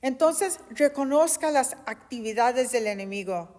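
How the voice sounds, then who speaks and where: A woman's voice: sits high, expressive, measured pace, darkish tone. A woman in her fifties preaching a sermon and giving an earnest, impassioned personal testimony. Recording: long hall reverb.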